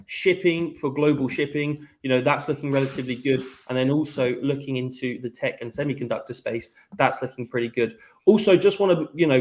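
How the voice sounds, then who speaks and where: A man chats through market news as co-host of a live stream, speaking over a remote call connection. His voice sits at an ordinary middle pitch. He talks hesitantly, leaning on fillers and restarting his phrases. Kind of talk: casual market commentary.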